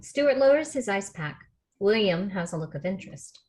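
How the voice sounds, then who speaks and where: A woman with a medium-pitched voice reads out stage directions at a moderate pace during a video-call table read, keeping her tone steady and matter-of-fact.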